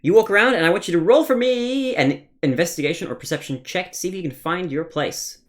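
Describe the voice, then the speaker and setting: Playful game master, middling pitch. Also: fast. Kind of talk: casual tabletop game narration.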